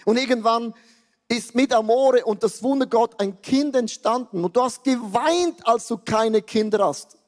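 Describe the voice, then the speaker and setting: A man in his fifties with a Swiss German accent preaching a sermon, animated and joking, dropping to quiet asides and rising to exclamations. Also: extremely high pitch, unhurried. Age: 50s. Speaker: pastor. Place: large church hall. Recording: long hall reverb.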